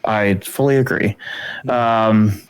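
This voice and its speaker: A man's voice: fairly low pitch, steady tone, slow pace, clean tone. A man co-hosting a podcast, talking casually about a book in a rambling way, with lots of fillers and easy laughs. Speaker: podcast co-host.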